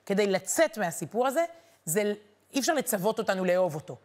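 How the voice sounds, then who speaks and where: A woman teaching a weekly Torah portion lesson, talking to listeners in a lively, rhetorical way and stressing the verses she quotes. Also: medium pitch.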